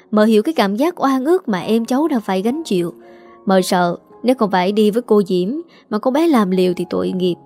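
A woman as a gentle, sorrowful aunt. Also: mid-range voice, natural voice. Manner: soothing, urgent.

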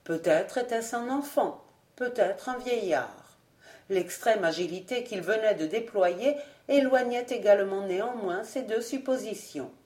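A woman narrating a classic novel as an audiobook reader, in a measured, expressive way. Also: fairly high pitch, roomy sound. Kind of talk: scripted narration.

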